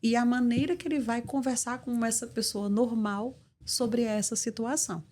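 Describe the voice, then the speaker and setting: A woman's voice: fairly high pitch, steady tone, moderate pace, darkish tone. A middle-aged woman from Brazil with a Brazilian Portuguese accent, an interview guest and communication mentor explaining with emphatic examples. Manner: assertive, didactic, emphatic delivery.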